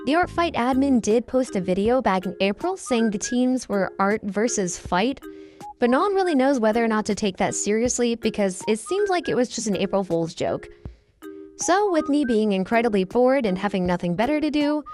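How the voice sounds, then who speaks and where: A young woman speaks in a high register, altered by a voice changer. She gives casual, off-the-cuff commentary as a hobby artist hosting her own video, informal and self-deprecating, with music playing behind her. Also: big pitch swings, normal speed, darkish tone.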